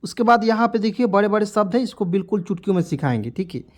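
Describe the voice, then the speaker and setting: A man's voice: high voice, animated, fast talker. A male teacher giving an online reading lesson, drilling each word with repeated questions and answers.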